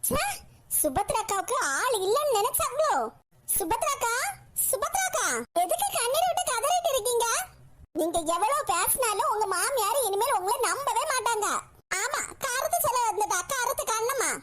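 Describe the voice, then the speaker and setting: Woman doing a meddling cartoon busybody, indignant, very high squeaky voice, noisy recording. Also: expressive. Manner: meddling, indignant, quick to take offense. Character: meddling young village woman, pushy busybody friend. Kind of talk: cartoon comedy voice acting.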